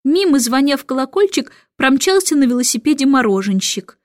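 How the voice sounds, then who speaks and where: A woman narrating a children's storybook aloud in an expressive, lively read-aloud manner. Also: high-pitched, a little fast, dry recording, clean studio sound. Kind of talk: storybook audiobook reading.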